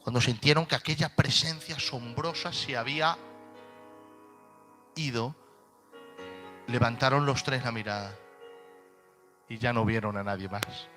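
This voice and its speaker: A man with a Spain Spanish accent preaching a sermon with passion, swinging between ringing proclamation and hushed, close delivery. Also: mid-range voice. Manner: impassioned, swings from shouted proclamation to hushed intimacy.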